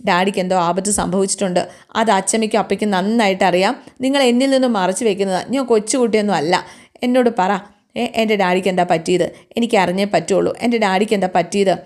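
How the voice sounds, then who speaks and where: A woman's voice: medium pitch, fast talker, darkish tone, lightly acted. A woman voicing an upset little girl who keeps pleading to be told the truth, in a storytelling retelling. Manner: pleading, insistent questions.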